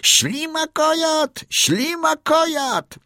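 A man voicing a young male seal, eager and bold, in a high, insistent voice. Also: big pitch swings, a little slow, breathy edge, no room sound, clean studio sound, full character voice. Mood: shouting.

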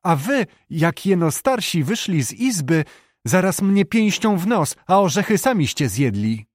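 Man voicing bold lively peasant girl Jagienka. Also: sits high, unhurried, dry recording, clean studio sound, voice pushed up, full character voice. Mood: teasing. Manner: cheerful, teasing, girlish.

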